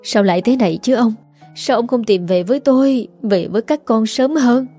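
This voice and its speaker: A woman's voice: a little high, normal speed, mellow, faint music behind. A woman voicing a grieving, pleading older wife. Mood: pleading grief. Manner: choked, imploring.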